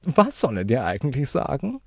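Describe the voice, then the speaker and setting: A man voicing a prim, prissy widow lady in a high, affected, preachy voice in a storybook reading. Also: wildly swooping pitch, normal speed, mellow, breathy edge, no room sound, clean studio sound, heavily acted.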